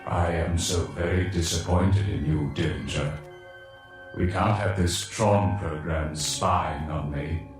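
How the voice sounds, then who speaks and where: An actor voicing a menacing computer master program in a metallic, booming voice, threatening and domineering, on a read-along record. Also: male voice, fairly even intonation, takes it slowly. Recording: echoey, distant processed voice. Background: music.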